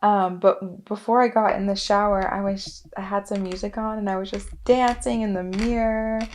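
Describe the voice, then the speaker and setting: A young woman telling a personal story in a casual, chatty way, full of "like" and "um", with soft asides. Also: medium pitch, steady tone, moderate pace. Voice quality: creaky fry voice. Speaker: wellness vlogger.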